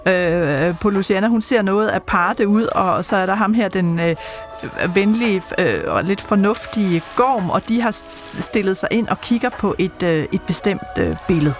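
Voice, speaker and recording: A woman's voice: mid-range voice, expressive. Woman radio host with faint music. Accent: Danish. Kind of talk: radio interview.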